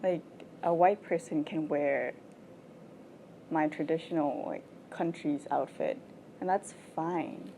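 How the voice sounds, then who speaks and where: A young woman from Thailand talks candidly in an interview, her voice a touch low and mellow. She sounds frank and chatty, dropping "like" often as she explains herself. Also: steady tone, slow, long pauses, slight background noise. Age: 20s. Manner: frank and chatty, with frequent "like" fillers. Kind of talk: candid casual interview answers.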